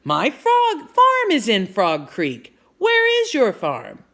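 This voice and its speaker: A loud army captain who calls out his questions with lively swings in pitch, as a woman reading aloud plays him. He moves at an unhurried pace, keeping his authority in a storybook voice. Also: exaggerated voice. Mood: friendly. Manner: loud, calling out. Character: Revolutionary War army captain, man, stern then friendly.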